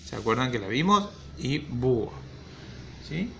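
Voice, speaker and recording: A gravelly-voiced man leads a children's phonics lesson in a slow, patient rhythm. His way of talking is playful and encouraging. Faint room noise sits behind him. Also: mid-range voice, sing-song, bright, forceful tone. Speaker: primary school teacher.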